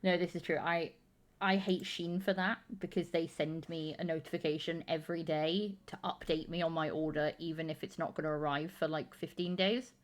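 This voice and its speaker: A woman hosting a casual book chat stream, talking fast and acting out her own reactions in quoted voices. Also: deep voice, fairly even intonation. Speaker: stream host.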